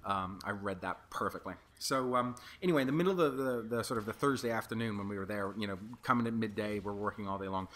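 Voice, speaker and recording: A man's voice: lowish voice, fast, hardly any pauses, a bit bright. A young man casually telling a long story over gameplay, chatty and swearing freely, with lots of fillers. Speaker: gaming commentator.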